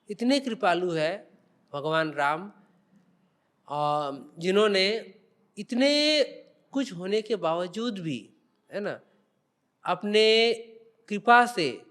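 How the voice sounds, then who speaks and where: A man's voice: sits high, fairly bright tone. A man speaking as a religious guest on a podcast interview, explaining spiritual teachings in an emphatic, preaching way.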